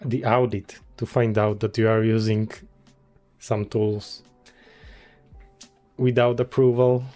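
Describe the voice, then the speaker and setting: A man's voice: fairly low pitch, little pitch movement, slow, pauses often, mellow, soft background music. A man, chatting casually on a livestream as a game developer, thinking aloud with many restarts and small chuckles. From Poland.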